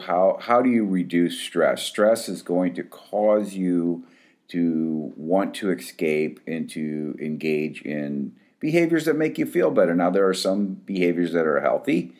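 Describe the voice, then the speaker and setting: A man's voice: low-pitched, a little mellow. A man in his fifties, an addiction counselor, talking casually to his clients in a rambling, frank way full of restarts.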